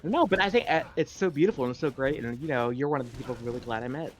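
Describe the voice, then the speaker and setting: A man's voice: mid-range voice, very fast, a little hiss or hum. A man in his thirties, a guest in a casual chat, encouraging and rambling with many fillers.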